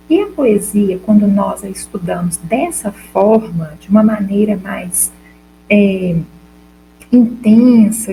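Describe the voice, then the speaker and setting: A Brazilian woman teacher talks through a recorded school lesson in a relaxed, mellow voice. She keeps asking the class questions and answering them herself, patient and explanatory. A faint hum sits under the recording. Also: medium pitch, gravelly, poor audio. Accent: Brazilian Portuguese.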